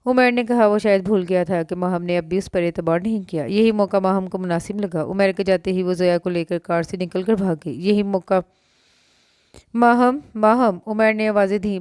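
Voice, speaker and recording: A woman narrating a dramatic novel in a steady storytelling delivery. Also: medium pitch, fairly quick, few pauses, clear, resonant tone, no room sound, studio quality. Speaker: audiobook narrator.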